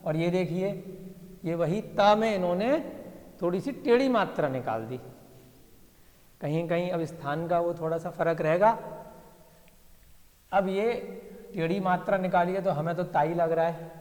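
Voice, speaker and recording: Male teacher, classroom lesson, thinking aloud, checks with students, fairly high voice, reverberant hall. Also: a little slow, pauses often, darkish tone. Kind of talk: classroom lesson reading an inscription.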